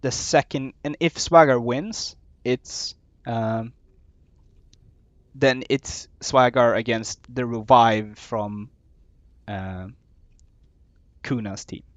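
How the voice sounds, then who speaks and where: This caster speaks slowly in a mid-range voice, leaving long pauses as he reasons aloud during casual live-stream commentary, often laughing and letting sentences trail off. A headset or desk mic off camera gives a dry, dull, lo-fi sound.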